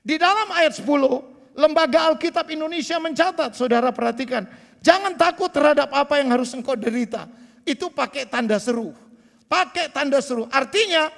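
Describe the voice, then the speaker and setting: High-voiced man preaching in a hall. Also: a little fast, vocal fry. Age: 60s. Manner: preaching with rising bursts and dropping to quiet asides. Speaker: pastor. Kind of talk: sermon. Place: church sanctuary.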